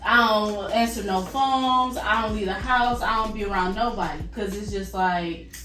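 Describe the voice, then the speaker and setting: A woman's voice: medium pitch, moderate pace, bright, forceful tone. A woman chatting candidly and casually, with a frank, emphatic, colloquial way of talking. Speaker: vlog co-host. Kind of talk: casual candid chat between sisters. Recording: echoey room, distant mic, music underneath. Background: background music.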